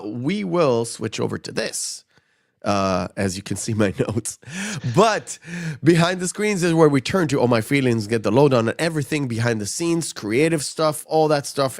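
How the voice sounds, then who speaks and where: Male podcast host, sick and sniffly, gravelly low rasp, dry close mic, loose rambling banter. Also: lively intonation, moderate pace, no room sound. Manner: joking, rambling, frequent fillers. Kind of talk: casual chat.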